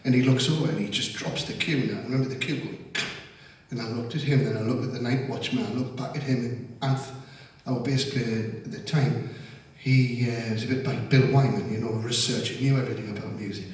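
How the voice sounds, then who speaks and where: Heard from afar in an echoey live hall, a North East England singer-songwriter with a Geordie accent fills the gaps between songs with meandering, foul-mouthed anecdotes. His voice is darkish and mid-range, steady in tone and a little fast.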